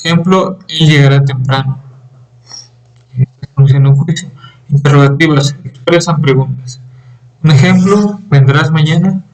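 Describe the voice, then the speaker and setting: Young male student, slightly higher voice, halting class presentation with fillers. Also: darkish tone, rough recording. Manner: halting, with fillers and throat clearing.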